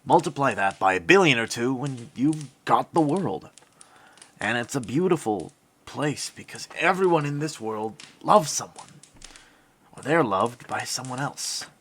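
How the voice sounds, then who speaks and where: An actor playing an earnest, principled young American soldier captain in an audio drama, solemn and idealistic. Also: male voice, mid-range voice, expressive, a little slow, fairly bright tone. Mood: solemn, resolute. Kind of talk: cinematic audio drama acting.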